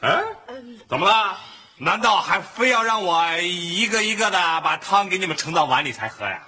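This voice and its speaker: A man's voice: sits high, animated, moderate pace. A man playing a joking, easygoing husband in a family sitcom who teases his wife playfully. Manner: teasing, playful. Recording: noisy TV sitcom soundtrack.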